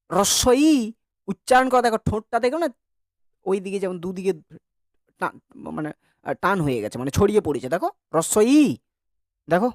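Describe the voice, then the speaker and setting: A man's voice: high voice, a little mellow, no echo, clean studio sound. A man teaching an online grammar class, chatty and joking as he drills vowel sounds with his students.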